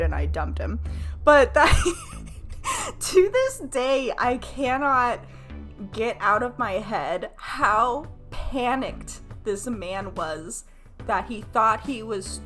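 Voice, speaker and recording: This woman's voice sits fairly high and a bit bright. She's a game streamer in her late twenties, casually telling stories to her livestream viewers. She's candid and self-mocking, with crude humor and free swearing.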